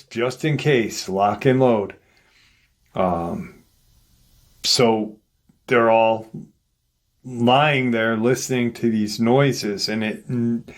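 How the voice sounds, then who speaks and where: A man retelling a paranormal encounter account in unscripted speech, with frequent fillers and restarts. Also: mid-range voice. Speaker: paranormal story narrator.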